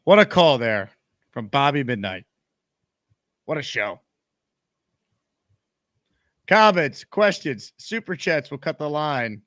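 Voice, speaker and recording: A man's voice: on the high side, sing-song, slow, long pauses, a bit bright, no echo, studio quality. A man hosting a live sports call-in show.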